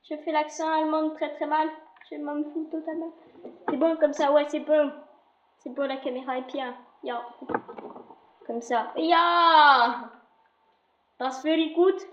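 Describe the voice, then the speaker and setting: A woman's voice: very high voice, a bit bright, reverberant, lo-fi sound, slight background noise. A young woman casually commenting on her football game, chatty and jokey, swearing now and then. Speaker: gaming video creator.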